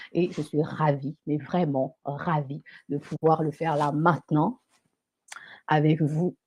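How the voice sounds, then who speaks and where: A woman's voice: deep voice, dark tone, breathy edge, no room sound. A young woman from Africa hosting a live show, speaking in an emphatic, repetitive motivational way and slipping in English phrases. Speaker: live show host and coach. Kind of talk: live stream monologue. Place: France.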